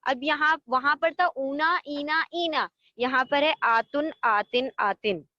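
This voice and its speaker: High-voiced woman teaching grammar patiently. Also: slow, bright, forceful tone, no echo, dull audio. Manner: patient, repeats word forms in drills. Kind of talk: online lesson explaining a table.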